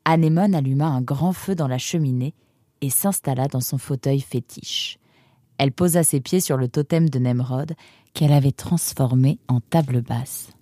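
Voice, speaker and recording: A woman narrating an audiobook in an expressive storytelling manner. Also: rumbling low, moderate pace, no echo, clean studio sound.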